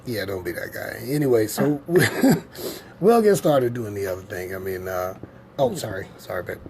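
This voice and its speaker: A man's voice: fairly low pitch, animated, moderate pace, darkish tone, slight background noise. A man hosting a casual scripture teaching show, rambling and emphatic, often repeating his points.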